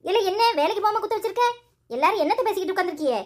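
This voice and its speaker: A woman voicing a nagging, sharp-tongued old mother-in-law in a cartoon, speaking Tirunelveli Tamil with quick, sarcastic scolding. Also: very high voice, lively intonation.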